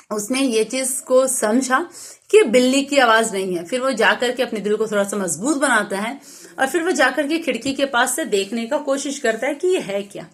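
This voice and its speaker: Her voice a little high, a young female teacher walks her class through a story, retelling and explaining it. Along the way she slips in lines of English and stops to explain the meaning of words.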